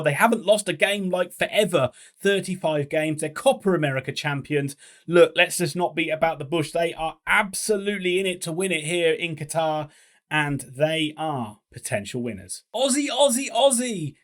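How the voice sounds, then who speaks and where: A man who hosts a football vlog, ranking teams in a playful, self-mocking way with sudden loud bursts. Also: sits high. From England. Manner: playful and self-mocking, with quick swings in loudness. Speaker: football fan vlogger.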